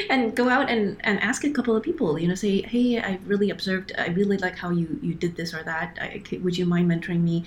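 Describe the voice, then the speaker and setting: A middle-aged woman from Hong Kong, a guest on a podcast interview, explaining things earnestly with frequent restarts over a remote call. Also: on the low side. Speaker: guest, operations director.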